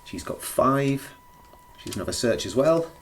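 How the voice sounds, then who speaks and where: A man with a croaky, under-the-weather voice thinks aloud in casual play-by-play as he plays a board game alone. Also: medium pitch, lively intonation, measured pace, fairly bright tone. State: feeling rough, under the weather. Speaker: solo board game player presenting a run-through. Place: indoors at a gaming table. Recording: clear background noise, clicks.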